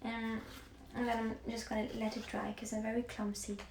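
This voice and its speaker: A young Norwegian woman with a Norwegian accent, chatting softly on a livestream while she paints, often slipping into near-whispers. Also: a little high, monotone, moderate pace. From Norway. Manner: soft-spoken, often drifting into near-whispers. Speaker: musician live-streaming to fans. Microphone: phone. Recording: echoey room with faint background hiss.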